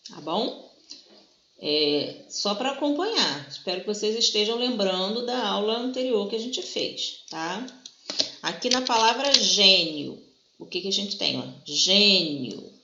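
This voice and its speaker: A woman's voice: mid-range voice, animated, a little slow, sharp tone, a little hiss or hum. A woman teacher, patiently walking students through a grammar lesson and often checking they follow. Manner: patient, explanatory, keeps checking in with "tá?". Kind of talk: recorded grammar lesson walkthrough. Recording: echoey room, dull lo-fi sound.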